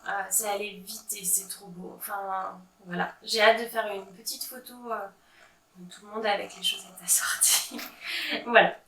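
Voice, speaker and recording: A woman's voice: medium pitch, fairly even intonation, normal speed, a bit bright, a little hiss or hum. A woman in her thirties chatting casually about her knitting projects, with frequent fillers and a self-mocking humor. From France. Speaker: knitting vlogger. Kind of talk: casual show-and-tell chat. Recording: echoey room, voice a bit far from mic.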